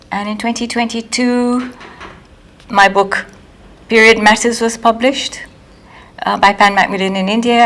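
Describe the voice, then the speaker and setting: Woman, interviewee, measured, careful delivery. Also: mid-range voice, fairly bright tone. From Kenya. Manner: measured, careful, restarts lines. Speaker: interviewee, author and editor. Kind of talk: recorded interview with retakes.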